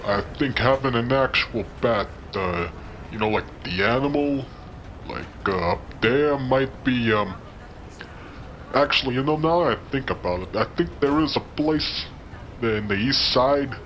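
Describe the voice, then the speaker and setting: A man's voice: mid-range voice, lively intonation, measured pace, a bit bright, a little hiss or hum. A man playing a chummy, dim but friendly street-tough doorman in a noir audio drama, talking in rambling slang. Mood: evasive, rambling. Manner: slangy, rambling wise-guy talk.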